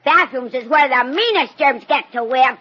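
A woman's voice: high-pitched, measured pace, husky. A woman voicing a cute, cocky little kid germ in a bratty cartoon voice for a vintage radio commercial. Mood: gleefully boastful. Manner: bratty, boastful. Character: mean, cocky little kid bathroom germ, gleeful pest. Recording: muffled old radio recording.

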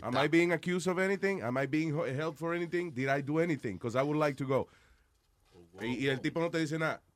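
A man's voice: on the high side, a little fast, dry recording. A man hosting a morning radio show, chatting casually and joking while switching between English and Spanish. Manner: mixes English and Spanish, animated, jokey. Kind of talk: bilingual casual banter.

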